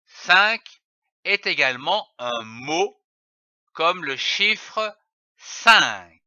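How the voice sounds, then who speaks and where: A man leads a children's reading lesson at a very slow, careful pace, spelling out letters one by one before saying each syllable. His high, lively voice has a bright edge. The recording sounds dull, lo-fi and dry. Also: no echo. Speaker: reading teacher.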